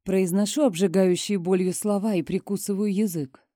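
Woman, audiobook narrator, first-person novel, warm mellow voice, measured expressive reading, dry close mic. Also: mid-range voice, no room sound.

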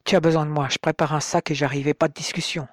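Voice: mid-range voice, level tone, quick pace, no room sound, clean studio sound, natural voice. A narrator voicing a direct, concerned middle-aged man, the hero's best friend, on the phone. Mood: eager, concerned.

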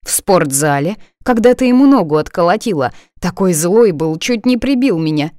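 A woman's voice: lowish voice, animated, mellow, no room sound, clean studio sound, lightly acted. A woman reading an audiobook voices an anxious young female friend who talks in an agitated, pleading way. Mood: defensive. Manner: agitated, pleading, quick to panic.

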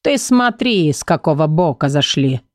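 A woman's voice: deep voice, big pitch swings, normal speed, no room sound, clean studio sound, pitched below the performer's own voice. A woman voicing a grumpy, know-it-all male magic book who grumbles in an audiobook. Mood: grumbling. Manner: grumbling, told-you-so. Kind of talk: audiobook character voice.

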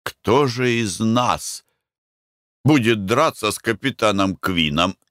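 A man's voice: lowish voice, expressive, takes it slowly, a bit bright, dry recording, studio quality, voice pushed up. A man doing a proud, hot-headed young man. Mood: heated. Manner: heated, declamatory.

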